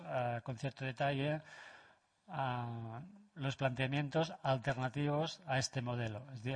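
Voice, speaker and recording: Hesitant man giving an academic talk. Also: medium pitch. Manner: measured, with frequent hesitations. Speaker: lecturer presenting a paper. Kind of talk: academic presentation.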